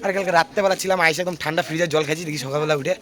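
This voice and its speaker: A hoarse young man chatting casually as a vlogger, walking around a crowded outdoor fair and talking excitedly to his viewers. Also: fairly high pitch, crowd noise. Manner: fast, excited, calls out often to friends and viewers. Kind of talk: casual vlog chat.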